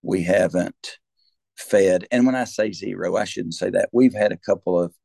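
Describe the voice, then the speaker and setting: A man with a rural Southern US accent, a cattle rancher appearing as an interview guest, explains things in a folksy, rambling, conversational way, repeating words and restarting. His deep voice is gravelly and mellow at a moderate pace, in a dry recording.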